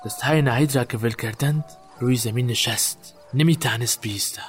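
An actor playing a guilt-haunted man recalling a night burial, in a halting, haunted way. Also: mid-range voice, faint music behind, natural voice. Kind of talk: audio drama acting.

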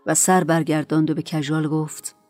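A woman narrating a dramatized story in a calm, measured way. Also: deep voice, no room sound, faint music behind.

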